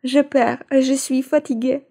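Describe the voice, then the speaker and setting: A small, frightened young boy rabbit, as a woman puts him on, raised high above her own voice. He speaks in a timid little voice, slow and soft, like a storybook bunny at bedtime. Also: flat delivery, creaky, heavily acted.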